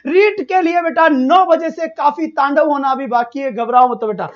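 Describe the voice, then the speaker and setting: High-voiced showy male teacher, lo-fi audio. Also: normal speed. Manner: energetic, showy, keeps calling students "beta" and praising them. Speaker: exam-prep teacher. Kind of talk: live online class quizzing students.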